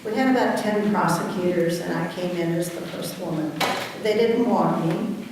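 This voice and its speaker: A woman's voice: lowish voice, moderate pace, a little mellow. An older woman with a Southern accent, telling her story as a panelist at a conference. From Virginia. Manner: storytelling, conversational. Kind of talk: panel talk. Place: conference hall. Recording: echoey hall, distant mic, hum.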